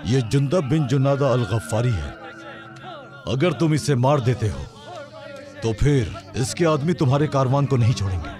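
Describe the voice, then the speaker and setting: A man's voice: medium pitch, expressive, moderate pace, music in the background, lightly acted. A man voicing an angry male townsman who commands and warns a crowd in a dubbed film. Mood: warning. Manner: shouting, commanding. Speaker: dub actor. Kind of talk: Urdu film dubbing. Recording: crowd noise and film score.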